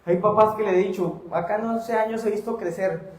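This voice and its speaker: High-voiced male pastor preaching in an echoey church. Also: fairly quick. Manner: lively, acts out congregants' voices in quotes. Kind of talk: sermon.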